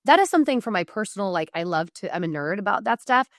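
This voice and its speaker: Here the American podcast guest from Oregon sounds mid-range in pitch, very animated, and quick, coaching listeners on business in a casual interview with emphatic asides and self-interruptions. There's no room sound, and the audio is studio quality.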